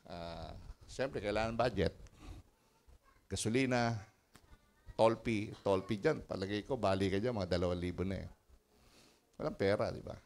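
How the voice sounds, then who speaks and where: A man with a Filipino accent, a pastor preaching a sermon and telling personal stories with lively, animated delivery. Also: mid-range voice. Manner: animated storytelling, mixing Tagalog and English, laughing often.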